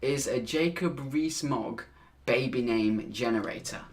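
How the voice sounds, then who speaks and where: A man's voice: medium pitch, a little slow. A man co-hosting a podcast in casual chat, talking loosely with lots of fillers and frequent laughter. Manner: chatty, giggly, filler-heavy with lots of "like". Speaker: podcast co-host.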